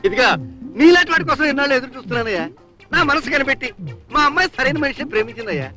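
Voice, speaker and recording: A man's voice: extremely high pitch, expressive, rapid-fire. A man playing a scheming, boastful middle-aged father in a comic old film drama, talking theatrically and wheedling. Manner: theatrical, wheedling, repeats a pet word. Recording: old film soundtrack with music.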